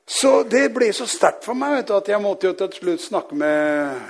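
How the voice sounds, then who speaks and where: A man preaching, telling a personal story with lively, fervent emphasis and frequent laughs. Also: high voice. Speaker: pastor. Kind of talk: sermon testimony.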